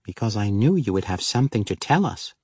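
A playful halfling noblewoman full of teasing charm, voiced by a man reading an audiobook. He lifts his naturally deep voice slightly for her, keeping it soft and sly. The sound is dry and close. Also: big pitch swings, a little fast, slightly rough, dry recording. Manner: teasing, lightly raised voice.

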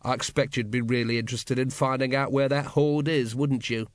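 A man voicing a weary, hungover middle-aged male watch captain, dry and deadpan. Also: mid-range voice, moderate pace, dry recording, close to an everyday voice.

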